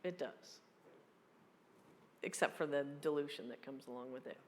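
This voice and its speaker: A woman's voice: deep voice, background noise. Blunt, joking woman in her fifties. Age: 50s. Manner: blunt, joking, fast-talking. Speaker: keynote speaker. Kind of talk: live Q&A at a meeting. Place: large hall. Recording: long hall reverb.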